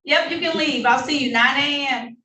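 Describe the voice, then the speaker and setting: A woman's voice: sits high, pushed and bright. Female judge in a courtroom recording. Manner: brisk, procedural, polite. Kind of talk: formal courtroom proceedings. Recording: echoey room heard from a distance, faint noise.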